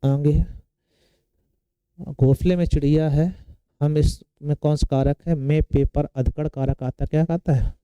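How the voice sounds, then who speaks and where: A man's voice: on the high side, steady tone, unhurried, pauses often, dark tone, clean tone, dry recording, muffled recording. A man teaching grammar for an exam, asking questions and answering them himself, repeating the key terms. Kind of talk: exam-prep lecture.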